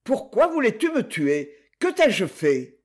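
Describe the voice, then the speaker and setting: Guy reading a jumpy crime novelist, mid thirties, tense and snappy, kinda husky. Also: high-pitched, very animated, measured pace, exaggerated voice. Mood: cutting. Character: nervous hunted male crime novelist, 35.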